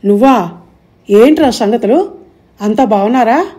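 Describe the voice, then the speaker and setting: A woman voicing a middle-aged aunt who talks in a quick, exclaiming way. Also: on the high side, expressive, mellow, slightly rough. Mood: alarmed. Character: middle-aged aunt, brisk and worried at home.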